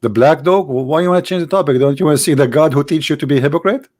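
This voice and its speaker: A man's voice: fairly high pitch, rapid-fire, darkish tone, dry recording. A man hosting a live call-in debate show, arguing insistently and repeating his points to press a caller. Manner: argumentative, insistent, repeats phrases.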